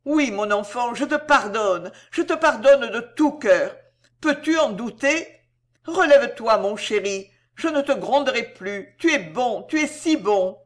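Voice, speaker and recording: A woman's voice: a little high, expressive, measured pace, pitched above the performer's own voice. A woman voicing a frightened old grandmother who is tender and desperate, speaking in a trembling, pleading way. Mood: comforting. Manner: trembling, pleading, breaking into anguished cries. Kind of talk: audiobook character voice.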